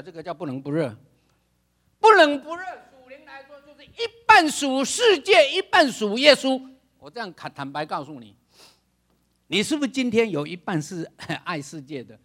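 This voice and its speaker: Older pastor, bright high voice, dramatic sermon delivery. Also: male voice. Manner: dramatic, acts out voices, laughs, shouts for emphasis.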